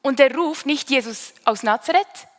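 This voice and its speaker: A woman's voice: high voice, expressive, moderate pace. Swiss woman preaching in an echoing hall. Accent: Swiss German. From Switzerland, Bern region. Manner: conversational, tag questions. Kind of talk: sermon.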